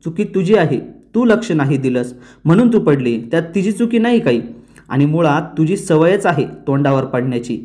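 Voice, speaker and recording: A man voicing a sharp-tongued young woman who snaps back and scolds dismissively, in a retold soap scene. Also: a little high, very animated, moderate pace. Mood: tart, scolding.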